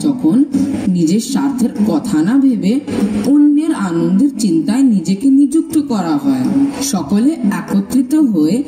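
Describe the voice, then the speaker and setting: A pompous, gushing gentleman orator played by a woman in a stage comedy, heard from a distance with music clearly behind. The delivery is florid and swings widely in pitch. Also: roomy sound. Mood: grandly earnest. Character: pompous, gushing Bengali gentleman orator, childless and self-satisfied. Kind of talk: amateur stage comedy acting.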